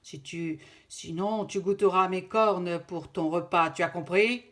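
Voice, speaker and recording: A woman voicing a brave, protective father chamois in a storybook reading, firm and loud. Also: low-pitched, steady tone, a little fast, natural voice. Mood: angry.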